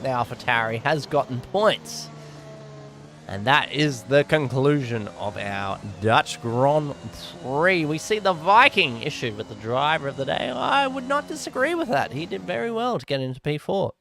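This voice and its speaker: A man's voice: a little high, sing-song, moderate pace, vocal fry, fairly bright tone. A man giving casual, rambling live commentary on a sim race, often correcting himself.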